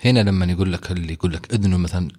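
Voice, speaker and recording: A man's voice: sits low, rapid-fire, dark tone. A man with a Saudi Hejazi accent in a casual, opinionated discussion, emphatically repeating points and checking that he is understood. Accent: Saudi Hejazi Arabic.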